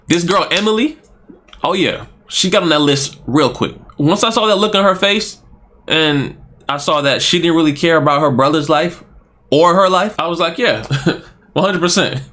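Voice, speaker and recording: A man's voice: fairly high pitch, expressive, moderate pace, a bit bright. A man giving a casual, joking movie review, exclaiming and ranting as he goes.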